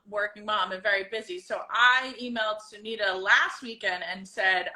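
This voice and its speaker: A woman co-hosting a casual live-streamed chat, talking enthusiastically and quick to agree and laugh. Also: a little high, bright, forceful tone, low-quality recording. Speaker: co-host of a live talk show.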